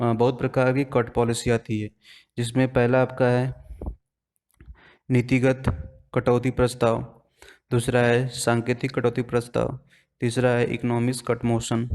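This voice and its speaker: With a slightly mellow voice at an ordinary middle pitch, a man teaches an exam-prep class. He works through it step by step, often asking the class questions that he then answers himself.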